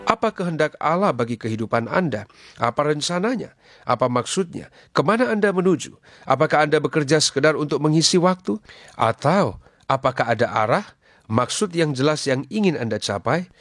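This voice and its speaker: A man's voice: on the high side, lively intonation, brisk, a bit bright, no echo, clean studio sound. A man preaching a radio sermon, earnest and exhorting, asking his listeners question after question.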